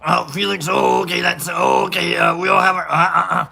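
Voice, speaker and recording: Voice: medium pitch, wildly swooping pitch, brisk, vocal fry, bright, forceful tone, voice pushed down, exaggerated voice. Cookie Monster, as a streamer puts him on. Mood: rowdy. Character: gravelly, greedy cookie-loving male puppet monster.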